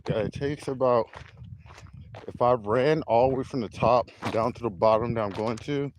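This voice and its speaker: A man casually chatting in a relaxed, rambling way while walking and jogging down an outdoor hillside trail, filmed on a shaky handheld phone video. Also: medium pitch, moderate pace. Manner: relaxed, rambling, self-amused. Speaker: vlogger. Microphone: handheld camera while walking and jogging. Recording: outdoor phone clip with noise.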